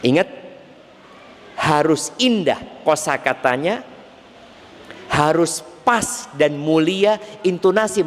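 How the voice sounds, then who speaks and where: A man with an Indonesian accent giving a lively Islamic sermon lecture, quoting Arabic verses. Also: high voice. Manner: lively, animated preaching with Arabic recitation. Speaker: preacher. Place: station venue hall with crowd ambience. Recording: reverberant hall, faint background noise.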